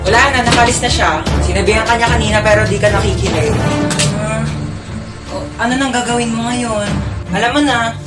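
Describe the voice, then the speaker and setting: A woman with a slightly high voice acts out comic sketches, trading lines between a nagging mother and a cheeky kid. Music plays clearly behind her the whole time. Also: fairly quick, echoey room. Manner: switches between scolding mother and sassy child voices. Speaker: comedy skit creator playing multiple characters. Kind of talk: comedic sketch acting.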